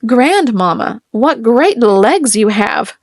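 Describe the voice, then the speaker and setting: Innocent little girl played by a woman, slow wondering delivery, storybook, light voice. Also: a little high, animated, dry recording, clean studio sound, heavily acted.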